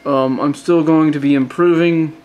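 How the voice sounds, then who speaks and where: A man's voice: a little high, fairly even intonation, moderate pace, darkish tone, dull audio. A man with a light Southern accent from Georgia, talking through a casual vlog update late at night, rambling with many restarts and fillers. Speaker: hobbyist phone modder.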